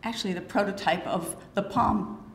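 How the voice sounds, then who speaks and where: A woman in her sixties, a curator, gives a prepared lecture into a podium microphone in a gravelly, hoarse, mid-range voice. Her delivery is measured and slightly halting, with some fillers and pauses. She's in a wood-paneled lecture hall, and the roomy recording carries faint ambience plus a little hiss or hum.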